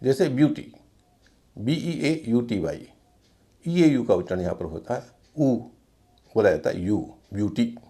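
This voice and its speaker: A man teaching English pronunciation, slowly spelling out words letter by letter and repeating each one. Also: medium pitch, expressive, mellow.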